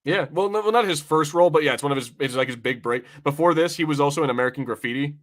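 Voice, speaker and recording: A young adult man co-hosts a podcast watch party, trading brash, teasing banter and swearing freely. His voice is a little high and he talks rapid-fire.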